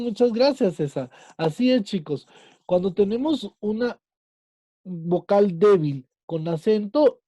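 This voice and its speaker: A man teaching an online class, patient, slowing down and stretching words as he explains. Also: high-pitched, dark tone, dry recording, dull audio.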